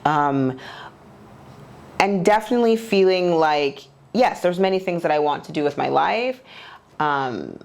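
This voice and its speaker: Low-voiced reflective woman in her forties. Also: lively intonation, a little slow, creaky. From Nigeria. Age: 40s. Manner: reflective, open, loose with many "like"s. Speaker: podcast guest. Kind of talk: candid personal conversation. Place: her home.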